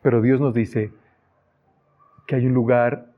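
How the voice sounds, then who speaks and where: A man's voice: mid-range voice, steady tone, unhurried. A man preaching a sermon earnestly, reading Bible passages aloud and adding asides. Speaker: pastor. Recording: dull lo-fi sound.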